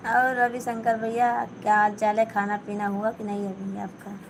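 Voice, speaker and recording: Here the Awadhi-accented Hindi speaker sews at home during an informal live stream, picking out viewers' comments and responding to them one after another. Her mid-range voice stays level at a moderate pace, and background noise runs through the clip.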